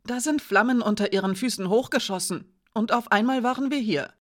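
A woman voicing an eager, excitable young boy in a storybook, speaking quickly and with a raised voice. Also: a little high, pitched above the performer's own voice, natural voice. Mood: excited.

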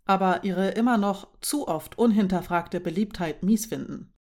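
Woman reading as a calm supportive young man. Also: medium pitch, normal speed, lightly acted. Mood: reassuring.

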